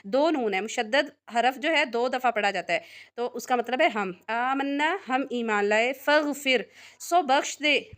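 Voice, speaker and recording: A woman with a somewhat high voice teaches a word-by-word translation lesson. She explains each word slowly and patiently, often stopping to check that her listeners follow. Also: a bit bright. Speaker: Quran teacher.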